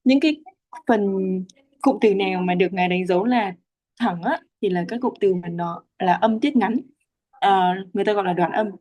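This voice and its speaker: Patient Vietnamese woman with a mellow voice. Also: medium pitch, normal speed. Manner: patient, many fillers, spells out syllable lengths. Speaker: interpreter explaining Pali chanting. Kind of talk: teaching explanation.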